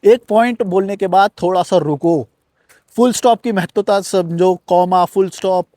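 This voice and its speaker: A man hosting a self-help video, talking fast in an unbroken flow and addressing the viewer directly, words into his speech. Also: sits high, mellow, dry recording, studio quality. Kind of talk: fast-paced motivational talk to camera. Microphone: recording to camera on a device.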